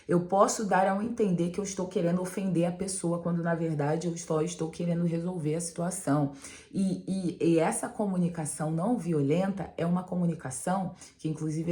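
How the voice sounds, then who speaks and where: Lower-pitched woman, advice vlog. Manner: animated, talks straight to viewers with frequent "né?" and "gente". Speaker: relationship mentor, channel host. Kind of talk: casual advice vlog to camera.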